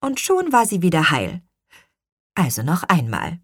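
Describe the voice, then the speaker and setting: A woman reads a children's story aloud in an unhurried, expressive way. Her pitch moves lively through the sentences. The recording is dry and close. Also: dry recording. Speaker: audiobook reader. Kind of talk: scripted children's story narration.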